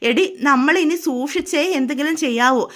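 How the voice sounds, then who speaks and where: A woman's voice: high voice, a little fast, a bit bright. A woman voicing a worried, hesitant middle-aged father who pleads for caution.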